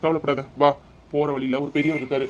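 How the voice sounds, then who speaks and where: A man's voice: on the high side, level tone, fast, muffled recording, a little hiss or hum, natural voice. A man voicing an earnest young newlywed husband in a cartoon, coaxing and pleading with his wife. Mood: consoling. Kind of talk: cartoon voice acting.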